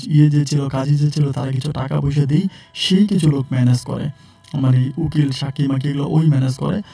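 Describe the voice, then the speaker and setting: A man narrating a first-person real-life story in loose, conversational sentences full of fillers. His voice is dark and gravelly with a husky edge. It sits a little high for a man. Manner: conversational, many fillers and restarts.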